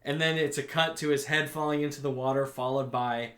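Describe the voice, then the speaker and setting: Chatting casually about anime as a podcast co-host, a man speaks in a steady, fairly bright mid-range voice. His talk rambles with many restarts and occasional swearing, broken by quick asides where he voices characters, and the recording has a roomy echo.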